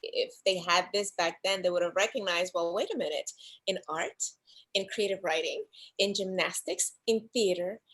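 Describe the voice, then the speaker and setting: A woman guest from the Dominican Republic, chatting casually about her life in an interview over a video call, animated and often laughing. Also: fairly low pitch, normal speed, poor audio. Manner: animated storyteller, laughs often, acts out voices. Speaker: guest actress.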